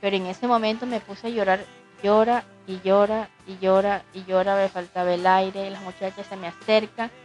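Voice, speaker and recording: Young woman telling a story casually, very animated, does everyone's voices, faint music behind. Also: medium pitch, normal speed, highs cut off. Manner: animated, acts out other people's voices. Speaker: co-host telling her story. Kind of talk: casual chat, personal storytelling.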